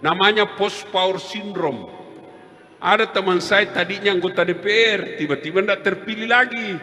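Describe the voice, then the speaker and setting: Lively joking preacher in a reverberant hall. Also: male voice, high voice, moderate pace. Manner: lively storytelling, acts out quoted characters. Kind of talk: humorous sermon.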